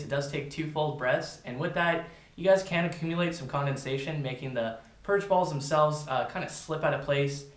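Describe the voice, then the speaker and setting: A man's voice: a little high, a bit bright, reverberant. A man giving a casual, informal product review, talking directly to his viewers. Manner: informal, addresses viewers as "you guys".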